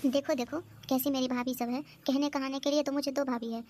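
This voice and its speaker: A woman's voice: high voice, level tone, brisk, darkish tone, a little hiss or hum, close to an everyday voice. A woman voicing a bossy, hot-tempered cartoon sister. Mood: grumbling, scolding. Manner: scolding, complaining. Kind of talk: cartoon voice acting.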